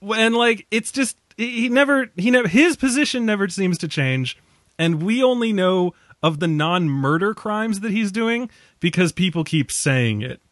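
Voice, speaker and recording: A man's voice: high voice, lively intonation, normal speed, fairly bright tone, dry recording, clean studio sound. A man casually discussing a film on a podcast, rambling and laughing often. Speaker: podcast co-host.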